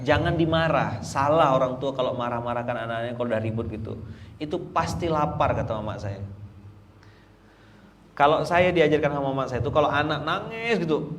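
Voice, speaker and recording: Lively preacher, tinged speech. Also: male voice, on the high side. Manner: lively and joking, swinging between loud and hushed. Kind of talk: dawn sermon. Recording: distant mic with faint ambience.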